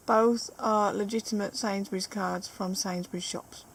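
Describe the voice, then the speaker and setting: A woman's voice: medium pitch, steady tone, moderate pace, husky. A woman with a British accent, chatting playfully at home while opening trading cards and reading them aloud. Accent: British English. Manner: playful, chatty, reads card text aloud. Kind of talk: casual chat. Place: living room at home.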